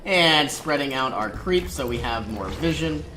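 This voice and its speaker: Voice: mid-range voice, expressive, a little slow, pushed and bright. A person giving casual walkthrough commentary while playing a strategy game. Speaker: gameplay commentator. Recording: noisy, game sound behind voice. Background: strategy game sounds.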